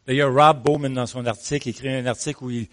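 A man with a Québécois French accent preaching a sermon, telling a story in an animated way with many pauses and asides. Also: mid-range voice.

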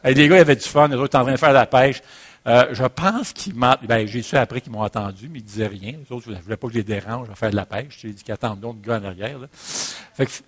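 A man with a Quebec French accent preaching a sermon, opening with a lively personal story and acting out the voices and shouts in it. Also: medium pitch, fast.

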